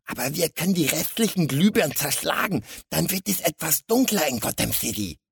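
Guy doing a little lisping crook, squeaky high voice, storybook. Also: animated, fairly quick, gravelly, breathy edge, exaggerated voice. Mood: sniggering. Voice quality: lisp. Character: small lisping male crook, jittery. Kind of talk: storybook reading.

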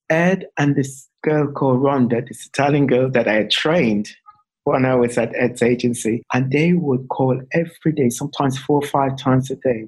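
A man from England, a podcast guest, telling a story with animated, acted-out quotes. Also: mid-range voice, breathy edge, rough recording. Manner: animated, acts out quoted voices. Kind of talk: storytelling in a casual interview.

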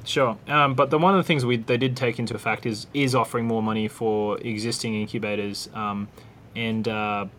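A man's voice: lowish voice, steady tone, brisk, a bit bright, a little hiss or hum. A man, a guest in a casual panel chat, speaking upbeat and confident with fillers. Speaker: incubator organizer, guest.

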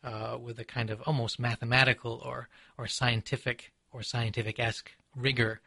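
Guy from seattle talking slow and thoughtful in an interview, lots of ums, dry close sound. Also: mid-range voice, little pitch movement, gravelly, bright, forceful tone, dry recording. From Seattle, USA. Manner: measured, reflective, with frequent ums and restarts. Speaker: author and poet, guest.

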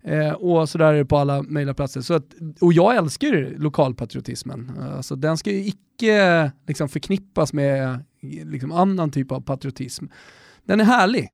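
A man's voice: fairly high pitch, lively intonation, creaky, dry recording, clean studio sound. A man in a casual podcast chat who rambles with hesitant restarts and the occasional emphatic swear.

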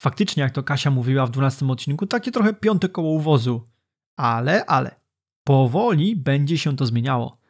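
A man's voice: medium pitch, expressive, brisk. A man co-hosting a book discussion podcast, explaining in a conversational way. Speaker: podcast co-host.

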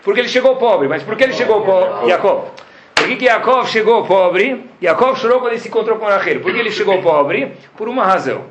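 A man's voice: high-pitched, expressive, a little fast, a bit bright, highs cut off. A man giving a religious lesson who keeps asking his listeners rhetorical questions. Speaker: Torah teacher.

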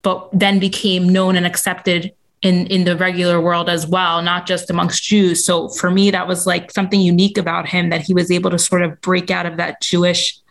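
A woman's voice: lowish voice, little pitch movement, normal speed, hardly any pauses. A woman talking as a podcast guest, sharing a meandering, chatty story in casual interview conversation.

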